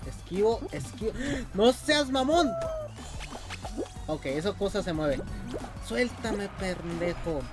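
A young man with a Mexican accent, streaming a game live and commenting in an excitable, swearing, casual way. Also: high-pitched, takes it slowly, pauses often, music in the background. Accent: Mexican Spanish. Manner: excitable, swears a lot, yells when stuck.

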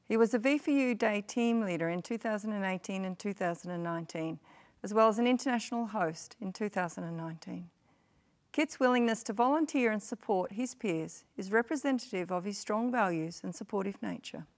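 A middle-aged woman reads a formal scripted introduction at a steady, measured pace. Her voice sits in an ordinary middle pitch, and she was recorded in a studio. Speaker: ceremony presenter. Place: studio with virtual backdrop.

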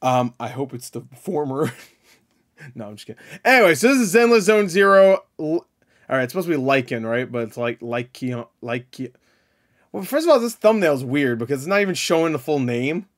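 This reaction video host, a man in his thirties, speaks briskly in a slightly high voice with big pitch swings. His commentary is casual and profane, full of jokes, sarcasm and exclamations. He's indoors in a small furnished room at home, with game trailer music and sound playing.

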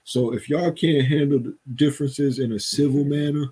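The audio is poor as a man in his thirties, co-hosting a news commentary show by headset on a video call from home, chats casually without a script. His fairly high voice is husky and dark, with fairly even intonation at normal speed, and his slangy talk is dotted with "you feel me" and "man."

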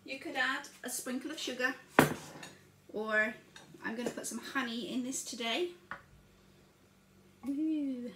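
High-pitched and a little slow, with long pauses, an older woman speaks against a noisy background. In her home kitchen she chats through a breakfast recipe as a cooking vlogger, narrating each step as she works, while a camera across the counter captures echoes and clattering dishes.

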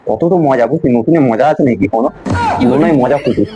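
A man's voice: mid-range voice, expressive, fast, over music. A man at home staging a pretend phone call for a prank video, chatty and teasing, repeating himself and chuckling as he talks. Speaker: prank vlogger. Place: at home indoors.

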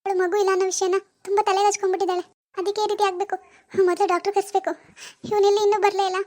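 A worried middle-aged mother in a cartoon family drama, voiced by a woman, with a very high, shrill voice. She talks in a fretful, pleading way, full of worry. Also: level tone, very fast, darkish tone. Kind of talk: animated family drama voice acting.

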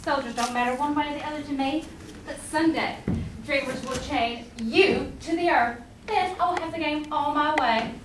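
Casting: young woman as Life, proud and earnest stage figure; high voice, picked up from a distance. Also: normal speed, natural voice. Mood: confident. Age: young adult. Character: Life, a proud, defiant female personification. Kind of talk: amateur stage play acting. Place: indoor theatre stage. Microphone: distant camera. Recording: echoey stage, distant camera mic, noisy.

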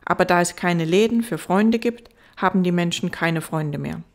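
A woman's voice: lowish voice, normal speed, close to an everyday voice. The fox, read by a woman. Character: gentle wise fox, patient and wistful.

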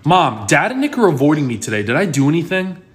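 A young man performing comedy skits, talking in an animated, exaggerated way. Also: a little high, fast. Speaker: comedy video creator. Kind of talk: comedic skit dialogue.

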